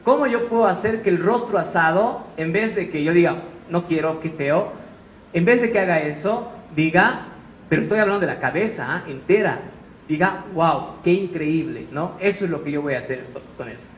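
A man with a Bolivian Spanish accent speaks as a chef at a conference, chatty and storytelling, his voice sitting a little high. He was recorded in a roomy hall. The sound is muffled, with faint noise underneath. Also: lively intonation, a little fast. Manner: chatty storytelling, tag questions. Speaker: chef giving a talk. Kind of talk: conference talk. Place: conference room.

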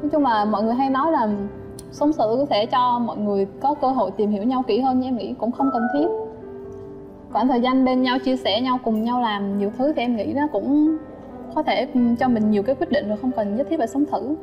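A woman's voice: a little high, a little fast, muffled recording. A woman on a dating show, polite and sweet, asking her date lots of questions. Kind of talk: casual chat on a first date. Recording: studio sound with reverb and loud music.

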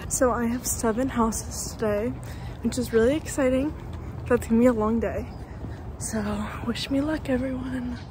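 A woman's voice: fairly high pitch, fairly even intonation, moderate pace, warm tone, a little hiss or hum, rough recording. A young woman chatting casually to her vlog in a girlish way, peppering her sentences with "like". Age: young adult. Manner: chatty, girlish, heavy use of "like". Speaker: vlogger, college student in sorority recruitment. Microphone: phone at arm's length or propped nearby.

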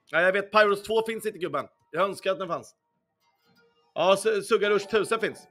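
High-pitched and a bit bright, a young man livestreams casino games in a laid-back chat with his audience. As he plays he answers viewer messages, swears regularly and hums along to the faint music.

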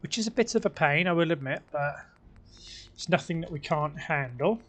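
A man's voice: a little high, lively intonation, normal speed, fairly bright tone. Chatty British man musing over a game build. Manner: chatty, musing, talks himself through choices. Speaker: let's play host. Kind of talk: casual gameplay commentary.

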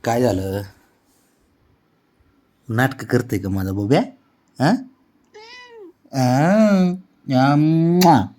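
A man's voice: medium pitch, extremely slow, long pauses, warm tone. A man coaxing his pet cat in doting baby talk at home late at night. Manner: coaxing, doting sing-song. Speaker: pet owner.

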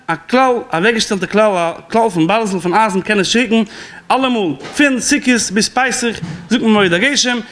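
Man with a very high voice, rabbi giving a halacha class, explaining and quoting sources. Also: a bit bright. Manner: explanatory, quoting sources, chuckles now and then. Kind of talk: spoken Torah lecture.

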